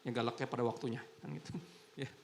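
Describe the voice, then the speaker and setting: Fast-talking, gravelly-voiced male pastor. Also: medium pitch, a little hiss or hum. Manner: chatty and animated, acts out quoted voices. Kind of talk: casual storytelling sermon. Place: church service in a hotel ballroom.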